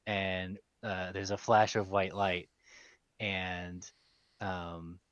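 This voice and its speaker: Low-voiced male game master, dull mic. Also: level tone, very slow, a bit bright, clear, resonant tone, dry recording. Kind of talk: casual tabletop game narration.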